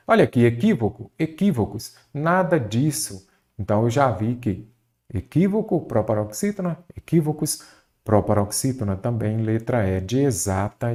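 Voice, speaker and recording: Brazilian male teacher, middle-aged, warm dark tone, explains step by step with rhetorical questions. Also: mid-range voice. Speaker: Portuguese teacher for exam prep. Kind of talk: exam-prep lesson solving test questions.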